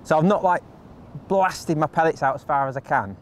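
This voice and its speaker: Outdoors by a lake on a windy day, a channel host who demonstrates fishing rigs walks through his setup in a chatty, practical, step-by-step way. His voice sits on the higher side and moves at a moderate pace, with a little hiss or hum in the audio. It's an instructional how-to talk.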